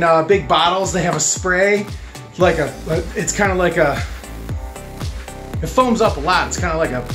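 A man in his forties hosting a casual vlog in his garage workshop, chatty and upbeat, with plenty of fillers. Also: high voice. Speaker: channel host. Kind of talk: casual product demo vlog. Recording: echoey garage with background music.

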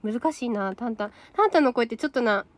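A woman's voice: on the high side, animated, quick pace, no room sound. Chatty Kansai-accented young woman livestreaming. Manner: casual, chatty, reacts to comments aloud. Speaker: idol trainee livestream host. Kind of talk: solo livestream chat reading viewer comments.

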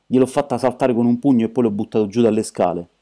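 A man reading the part of an impetuous, excitable detective friend who speaks loudly and eagerly. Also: mid-range voice, fast, lightly acted. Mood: excited. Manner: loud, impulsive, excitable. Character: impetuous burly male ex-thief detective friend.

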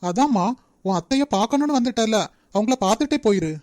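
A woman's voice: on the high side, animated, a little fast, warm tone, no echo, close to an everyday voice. A woman voicing a stern, protective young man in a cartoon, speaking firmly with a Nagercoil Tamil accent. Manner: firm, commanding. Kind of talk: cartoon voice acting.

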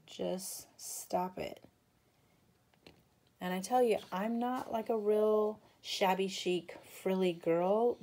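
Woman, tired, gushing craft haul chat, warm mellow tone, slow delivery. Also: mid-range voice, slight background noise. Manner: gushing, breathless exclamations. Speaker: craft vlogger. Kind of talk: casual haul video.

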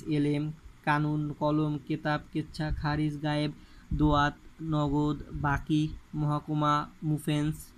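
A man's voice: fairly high pitch, slight background noise, rough recording. A man with a Bangladeshi Bengali accent teaching an exam-prep lecture, reading word lists off the page and stressing which items matter. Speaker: admission coaching teacher.

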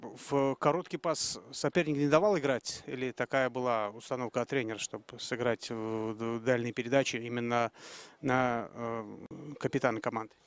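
A man in his thirties conducting post-match interviews outdoors into a handheld microphone, phrasing his questions a bit haltingly. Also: medium pitch, steady tone, smooth. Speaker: sports interviewer. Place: outdoors at a football stadium.

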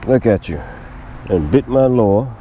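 Low, mellow man talking to the fish. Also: expressive, measured pace, a little hiss or hum. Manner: talks to the fish while reeling. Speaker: angler filming himself. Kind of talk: excited fishing commentary. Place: outdoors on a lakeshore. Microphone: head-mounted action camera.

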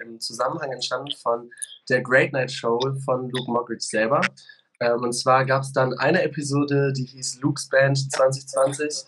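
A man's voice: mid-range voice, a bit bright, a little hiss or hum, low-quality recording. A young man from the Eifel interviewed over a video call, explaining with hesitant fillers. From Eifel, Germany. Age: young adult. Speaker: band member guest. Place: apartment room.

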